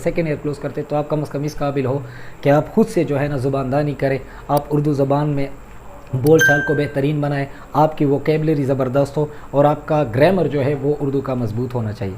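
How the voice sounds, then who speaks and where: A man's voice: a little high, background noise. Male Urdu teacher explaining word meanings. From Pakistan. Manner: explanatory, repeats words to correct pronunciation; addresses listeners as "janab". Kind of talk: lecture on vocabulary and grammar.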